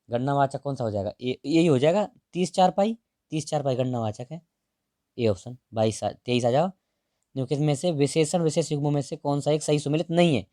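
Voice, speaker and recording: Man teaching exam answers, dry mellow voice. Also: no echo. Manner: repeats key words, drops to a low murmur at line ends. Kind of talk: explaining test answers.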